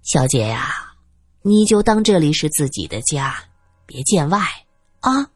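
A woman's voice: lowish voice, big pitch swings, unhurried, slightly rough, no echo, full character voice. A scheming old great-aunt, as a woman reads her part, her cold voice sneering with sly barbs. The delivery swings widely in tone, and the dry recording has a faint thread of music under it. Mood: sugary.

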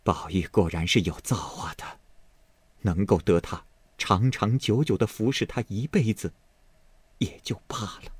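A man voicing a gentle, sorrowful older noble lady in a storybook reading, speaking soft and hushed. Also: sits low, lively intonation, slow pace, pauses often, slightly rough, dry recording, exaggerated voice. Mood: tearful.

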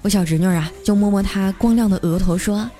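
A radio story host with a medium-pitched voice tells a comic tale at a quick pace, chatty and lively, drawing out her particles. Soft music plays underneath.

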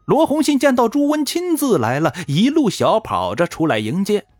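A man narrating history in a lively, folksy storytelling manner, with dramatic pauses. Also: sits high, no room sound.

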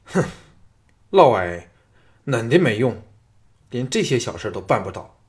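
A male audiobook narrator voicing a scheming, powerful chancellor in a low, hushed plotting tone. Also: sing-song, measured pace. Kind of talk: audiobook character reading.

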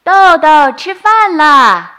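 A woman voicing a mother who calls her child loudly and teases fondly in a bedtime story. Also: medium pitch, expressive, a little slow, lightly acted. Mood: calling. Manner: loud calling, teasing.

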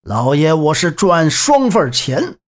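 A man voicing a greedy male bandit chief in an audiobook, drawling slow and sneering. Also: on the high side, huge pitch swings, fairly bright tone, breathy edge, heavily acted.

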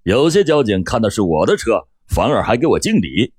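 A man's voice: lowish voice, sing-song, fairly quick, darkish tone, slightly rough, dry recording, studio quality. A man voicing a middle-aged male police bureau chief giving an emphatic formal speech. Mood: stern.

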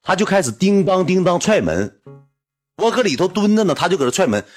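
A man with a Northeastern Chinese accent telling a comic personal anecdote in an animated, rambling, indignant way. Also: high voice, fairly quick, faint music behind. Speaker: storyteller.

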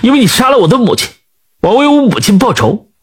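A man's voice: extremely high pitch, very animated, fast, husky, pitched above the performer's own voice, exaggerated voice. A man voicing a cold, curt young son bent on revenge, in a storybook tale. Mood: angry.

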